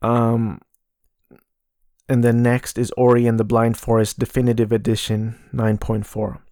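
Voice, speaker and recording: A man hosting a casual solo gaming podcast in a monotone, low-energy voice with vocal fry, hesitating and stammering over repeated words. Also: measured pace, dry recording, studio quality. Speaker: podcast host. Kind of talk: casual solo podcast talk about video games.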